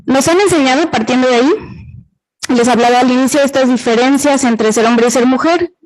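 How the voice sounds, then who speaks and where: A Mexican woman with a high voice gives an interactive talk to students. She explains carefully, asks the room questions and repeats their answers back to them. She sounds middle-aged. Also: brisk, poor audio. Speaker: university gender violence workshop speaker.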